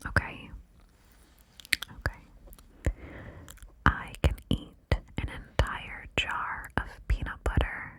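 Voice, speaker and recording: A woman whispering ASMR into a stereo mic, playful and chatty, with casual swearing. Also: on the high side. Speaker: ASMR creator. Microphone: stereo mic, left and right ears.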